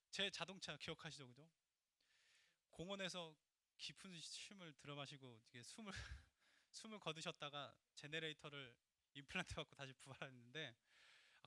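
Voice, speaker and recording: A male pastor preaching a sermon to his congregation, telling a personal story with lively acted-out inner dialogue and laughter. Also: a little high, no room sound. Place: church sanctuary.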